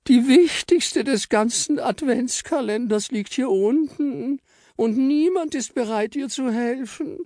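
Man doing Frau Stern, a shrill whiny chocolate star. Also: slow, a little mellow, no room sound, clean studio sound. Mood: wailing. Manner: shrill, wailing and melodramatic. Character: self-important big female chocolate star, whiny.

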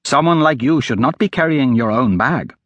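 A man voicing an eager, wiry adolescent boy who wheedles and calls out loudly in an audiobook. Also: medium pitch, animated, moderate pace, dry recording, lo-fi sound.

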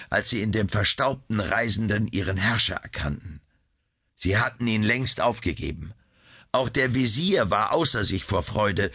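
A man narrating an audiobook of classic tales in a measured, deliberate reading. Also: lowish voice, bright, forceful tone, husky. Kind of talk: scripted narration.

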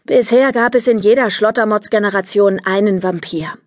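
A woman voicing a flustered, bossy mother in a children's audiobook, brisk and excitable. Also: mid-range voice, dry recording, clean studio sound, lightly acted.

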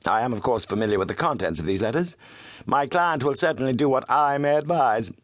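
A man doing a crisp, commanding Victorian detective. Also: medium pitch, expressive, a little fast, no echo, voice pushed up, natural voice. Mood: firm. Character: sharp, proud Victorian male detective, middle-aged.

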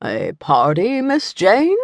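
A woman voicing an older, dignified man who speaks quietly with authority in an audiobook. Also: wildly swooping pitch, gravelly, no echo, studio quality, exaggerated voice. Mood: polite. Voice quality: low, measured, hushed.

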